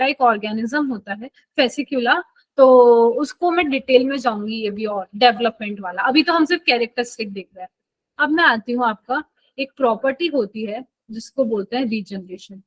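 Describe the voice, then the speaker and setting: A woman's voice: on the high side, no echo, rough recording. A woman teaching a live online biology class in a chatty way, often checking that students follow.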